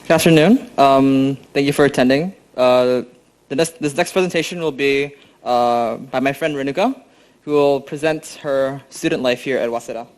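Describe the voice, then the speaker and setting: A man briefly introducing the next presenter, pausing with ums. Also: medium pitch. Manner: hesitant, with ums. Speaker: event moderator.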